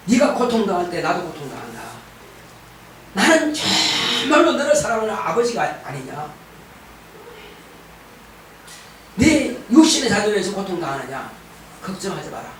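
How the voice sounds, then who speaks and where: A man preaching who voices God as a gentle, loving father speaking soft reassurance. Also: high voice, big pitch swings, moderate pace, slight background noise, voice pushed down. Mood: tender. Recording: very echoey church hall, distant mic.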